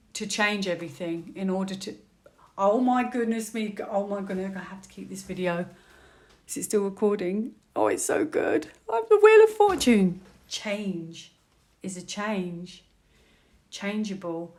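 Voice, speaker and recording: A woman from the United Kingdom doing a tarot reading on her vlog, thinking aloud as she draws cards and often breaking into excited squeals. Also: mid-range voice. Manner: chatty, thinks aloud while drawing cards, with frequent fillers; bursts into excited squeals and laughter. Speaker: tarot reader.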